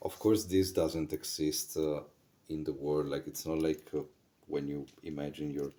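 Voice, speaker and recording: A man's voice: extremely low pitch, fairly even intonation, moderate pace, warm tone. A man in a casual chat, earnestly walking through ideas step by step. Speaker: partner explaining Kabbalah.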